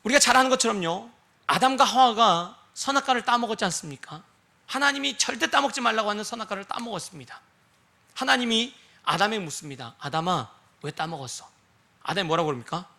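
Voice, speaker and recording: A male pastor preaching with a high, bright, ringing voice. He keeps asking his congregation rhetorical questions and checks in with them as he goes. He slips into quoted voices to act out little scenes. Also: lively intonation, quick pace, creaky. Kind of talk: sermon.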